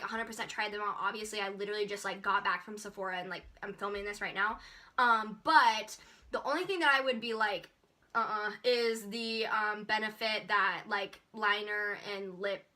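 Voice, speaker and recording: A woman's voice: medium pitch, bright, forceful tone. A young woman chatting in a casual makeup haul vlog, bubbly and full of filler words. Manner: chatty, bubbly, lots of likes and ums. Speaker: beauty vlogger.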